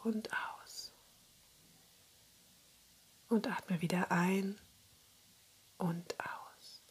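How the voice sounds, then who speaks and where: A woman guiding a relaxation meditation in a soft, soothing spa-like whisper, breathy and husky. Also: mid-range voice, fairly even intonation, very slow. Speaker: relaxation exercise guide.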